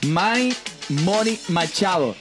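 A man hosting a casual sports podcast from home, energetic and teasing as he rattles off stats. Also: high voice, slow. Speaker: podcast host. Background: music bed.

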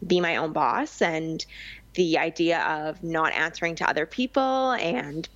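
A woman's voice: sits low, a little slow, fairly bright tone, no room sound, highs cut off. A young woman from Vancouver Island, chatting as an interview guest about her business, with frequent ums and restarts. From Vancouver Island, Canada. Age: young adult. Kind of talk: conversational interview.

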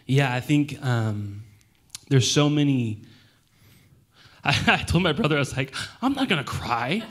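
A man in his thirties, a pastor with a hoarse, worn voice, reflects personally and informally at a church service, in a halting, self-deprecating way. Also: mid-range voice. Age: 30s. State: hoarse, voice nearly gone.

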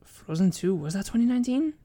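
A man's voice: sits high, lively intonation, fast talker, dark tone. A young man co-hosting a podcast, talking about films in an informal, conversational way. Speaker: podcast co-host. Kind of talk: casual film chat.

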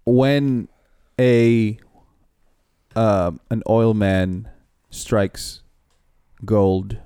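A podcast co-host who talks slowly and haltingly, filling pauses with ums. His voice is low and mellow, and it sounds dry and close to the mic. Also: clear, resonant tone, no room sound. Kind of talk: casual chat.

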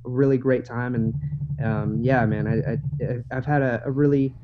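A young man joins a podcast over a remote call and talks in an eager, friendly way, often restarting his words. His voice sits at an ordinary middle pitch. The call audio sounds dull and muffled. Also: steady tone, normal speed, background noise. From Hawaii and Idaho. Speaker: guest musician. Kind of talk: casual interview chat.

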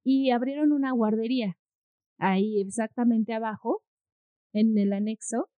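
A mother co-hosting a casual chat tells a story at a normal speed, her voice a little high. She animatedly acts out what others said, and the audio is dry and phone-like, with no room sound.

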